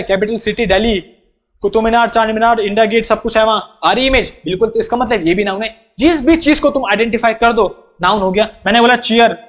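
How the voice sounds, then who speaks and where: A man's voice: high voice, fairly bright tone, dull audio. A man teaching a grammar lesson in an emphatic way. He keeps asking questions, answers them himself and drills terms by repeating them. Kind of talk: classroom-style grammar lesson.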